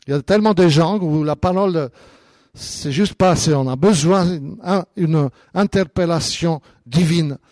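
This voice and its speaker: Man preaching a sermon, pretty high voice, gets animated acting out believers, dry sound. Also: moderate pace, no echo. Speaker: pastor.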